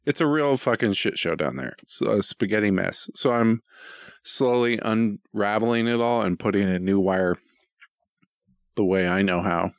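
This podcast co-host is a middle-aged American man whose smooth, lowish voice moves at normal speed through rambling, self-deprecating casual chat with easy swearing. It's recorded at studio quality with no echo.

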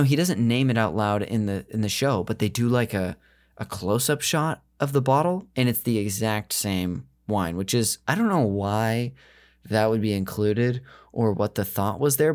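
Podcast co-host, man, lowish voice, rambling delivery with lots of um and uh. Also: darkish tone. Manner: rambling, frequent fillers and restarts. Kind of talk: casual podcast chat.

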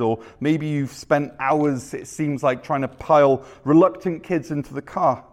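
A pastor preaches in a chatty, storytelling way. His voice sits fairly high for a man, and he leans on rhetorical questions to pull the congregation in. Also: a little mellow. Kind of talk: sermon.

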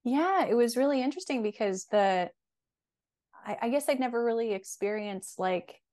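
Woman interviewer, eager and a bit halting, casual chat. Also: fairly high pitch, animated, a little mellow. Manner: enthusiastic, hesitant phrasing. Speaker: interviewer host.

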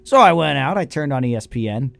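Animated man co-hosting sports radio. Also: medium pitch, fairly quick, creaky. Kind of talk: casual sports talk show.

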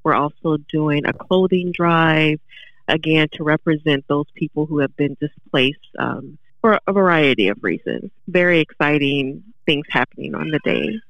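A woman guest speaking over the phone, pausing often with fillers as she lays out event details. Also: sits low, no echo, lo-fi sound. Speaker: library director guest.

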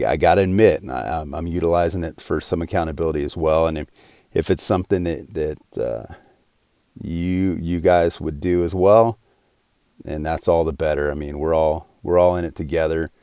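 A man's voice: rumbling low, warm tone, clear, resonant tone, dry recording, clean studio sound. A man in his forties hosting his own podcast, talking alone in an earnest, rambling way with many restarts. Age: 40s. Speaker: podcast host. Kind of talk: casual solo podcast monologue.

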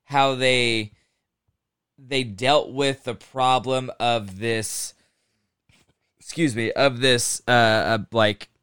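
A man's voice: mid-range voice, fairly even intonation, very slow, pauses often, fairly bright tone, smooth, no echo, clean studio sound. A man chatting casually like a frat bro, full of slang and swearing and easily amazed. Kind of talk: casual chat about books and hypotheticals.

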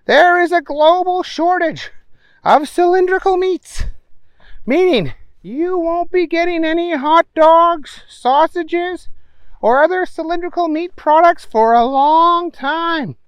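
A man voicing a perky TV newswoman reading the news in a high, bright tone. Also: slow, dry recording. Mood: chirpy. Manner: bright, chirpy newsreader delivery. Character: perky TV newswoman, adult woman.

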